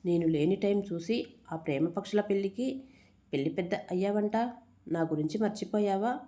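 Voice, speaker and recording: A woman's voice: medium pitch, moderate pace, mellow, lightly acted. A woman reading a storybook, voicing a cruel young male villain who taunts and threatens. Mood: sneering. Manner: sneering, threatening.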